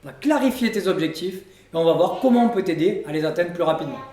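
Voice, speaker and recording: A man's voice: high voice, expressive, fast, a little mellow. A man, a fitness coach, giving casual, direct diet advice at home and talking straight to the viewer. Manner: direct, informal, addresses viewer with "tu". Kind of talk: casual coaching talk to camera. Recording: roomy echo, from a distance.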